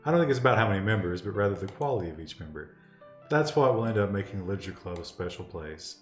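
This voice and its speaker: A man's voice: fairly low pitch, animated, quick pace. A man narrating a visual novel game as he plays, in a casual reading style. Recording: roomy sound, music behind.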